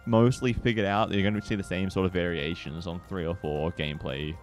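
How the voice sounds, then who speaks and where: A man co-casting an esports match, relaxed and explaining the play. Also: deep voice, a little fast. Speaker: esports co-caster. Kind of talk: live game commentary. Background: faint background music.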